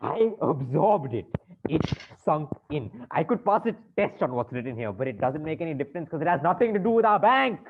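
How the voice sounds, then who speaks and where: Here the comic stage-play banker is played in a gravelly, rather high male voice that is very animated and fairly quick. Exasperated and fussy, he stammers with exaggerated politeness that frays into panic, on tinny band-limited audio with a little noise.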